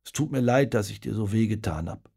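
Guy doing a quiet hesitant dad, gravelly and soft. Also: fairly low pitch, lively intonation, fairly quick, heavily acted. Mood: gentle. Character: quiet, remorseful middle-aged father.

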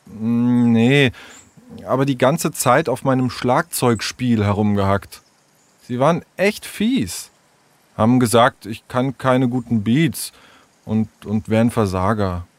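A man's voice: mid-range voice, slow, dry recording, lightly acted. A man voicing a hurt, shy young boy who mumbles hesitantly and sounds dejected.

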